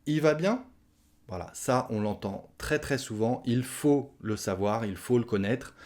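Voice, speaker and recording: A man's voice: lowish voice, unhurried, a little mellow. A man teaching a casual online language lesson, acting out example questions with a sharply rising tone. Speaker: French teacher.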